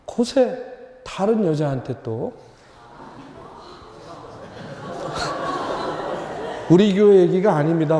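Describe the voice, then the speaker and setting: Animated young pastor in a reverberant church. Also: male voice, a little high. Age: young adult. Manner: animated storytelling with humor. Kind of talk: sermon. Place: church sanctuary.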